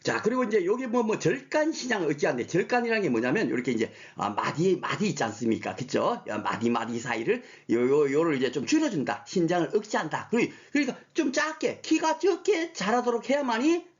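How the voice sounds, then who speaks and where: Animated male lecturer, lo-fi sound. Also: high voice, a little fast, few pauses. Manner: animated, rhetorical questions, frequent "그쵸?" check-ins. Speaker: exam prep lecturer. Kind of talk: recorded online lecture. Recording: dull lo-fi lecture audio.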